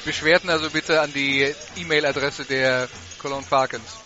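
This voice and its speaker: A man's voice: medium pitch, steady tone, moderate pace. A man adding chatty analysis during live football radio commentary. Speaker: color commentator. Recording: dull sound with loud stadium music. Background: loud stadium music.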